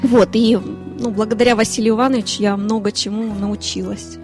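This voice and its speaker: A woman in her thirties from Ukraine, a lawyer and consultant, answering interview questions in a measured way with fillers. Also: medium pitch, little pitch movement, a little mellow, soft background music. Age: 30s. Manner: measured, listing things with fillers.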